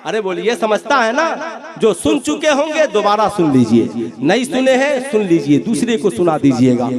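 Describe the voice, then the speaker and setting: A man, a mufti, preaching a sermon at a live religious gathering, emphatic and questioning his listeners, rising into shouted lines. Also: high voice, big pitch swings, normal speed. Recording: live gathering with crowd audible.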